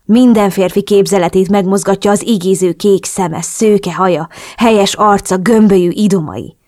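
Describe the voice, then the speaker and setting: A woman reading the lines of a cold, calculating male drug cartel boss in an audiobook, in a cool, measured, blunt manner. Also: medium pitch, a little mellow, close to an everyday voice.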